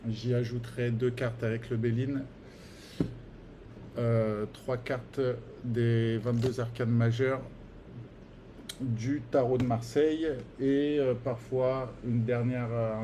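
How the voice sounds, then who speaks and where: A man talks through a tarot reading in an easygoing, stop-start way, often pausing on fillers and repeating words. He keeps urging his listeners on. His voice sits at an everyday middle pitch, and a steady noise hangs under the recording. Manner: hesitant, many fillers and restarts, encouraging. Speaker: tarot card reader. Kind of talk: casual spoken guidance.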